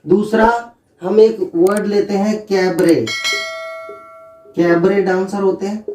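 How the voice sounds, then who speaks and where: A man's voice: sits high, steady tone, slow, mellow, slight background noise. Guy teaching spelling, says each letter one by one and repeats words a lot, kinda far from the mic. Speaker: English teacher. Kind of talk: spelling and pronunciation lesson. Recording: roomy echo, distant mic.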